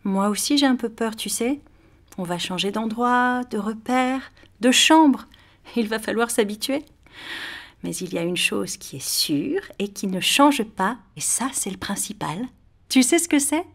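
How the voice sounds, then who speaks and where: A woman voicing a gentle, patient mother in a children's audio story, speaking in a soft, reassuring way. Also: on the high side, animated, a little slow. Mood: tender reassuring.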